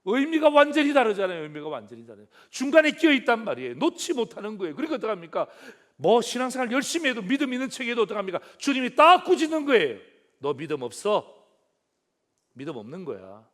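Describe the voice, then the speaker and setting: A man preaches a Sunday sermon in a high voice whose pitch leaps and falls with lively animation. He keeps calling out to his congregation and firing rhetorical questions at them. He swings from loud, emphatic phrases down to hushed, low asides. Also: fast talker, hardly any pauses. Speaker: pastor.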